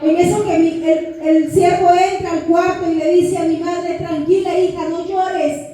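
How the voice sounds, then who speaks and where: Woman, fervent church testimony, high voice, mellow tone, very echoey hall, distant from the mic. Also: little pitch movement, normal speed. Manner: fervent, repeatedly addresses the congregation. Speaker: church member giving testimony. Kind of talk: emotional religious testimony.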